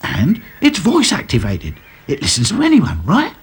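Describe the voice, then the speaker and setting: A man's voice: sits high, wildly swooping pitch, moderate pace, husky, pitched above the performer's own voice, heavily acted. A man voicing a cheerful, scheming young male rag doll who talks perkily. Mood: perky.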